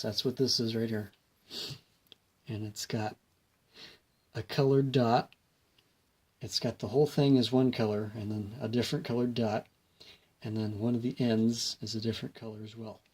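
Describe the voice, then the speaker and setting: This homemade repair video features a man with a medium-pitched voice and fairly even intonation, talking at normal speed but pausing often. Host of a hobby electronics series, he explains the job step by step in a folksy, informal way, thinking aloud, with distinct background noise in the recording.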